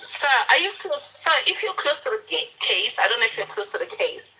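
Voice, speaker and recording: A woman's voice: fairly high pitch, very animated, fairly quick, sharp tone, slightly rough, rough recording. A woman with a Nigerian accent speaking emphatically in an informal live discussion, repeating points for stress. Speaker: guest panelist on a live online discussion.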